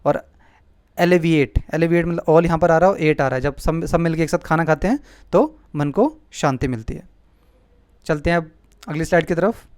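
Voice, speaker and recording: A man's voice: on the high side, moderate pace, darkish tone, dry recording. A man teaching vocabulary with memory tricks, explaining patiently and often checking with "ठीक है?". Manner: explanatory, repeats words, asks "ठीक है?". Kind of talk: mnemonic vocabulary lesson.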